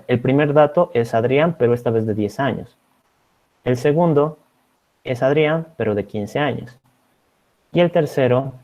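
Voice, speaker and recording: A man from Bolivia, a teaching assistant in an online programming class, explains code step by step while continually checking in with his students. His voice is mid-range with a dark tone. The recording has the slightly dull quality of video-call audio.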